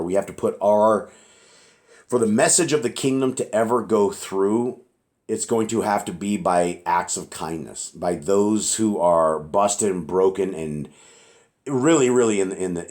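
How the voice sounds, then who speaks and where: Deep raspy-voiced man teaching scripture. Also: a little mellow. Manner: rambling, earnest, asks "right?" often.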